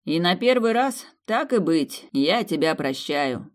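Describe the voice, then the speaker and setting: A man's voice: a little high, lively intonation, moderate pace. A narrator voicing a young man, a hurt fiancé who teases with bitter irony but forgives. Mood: teasing, ironic. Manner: mocking, wryly ironic.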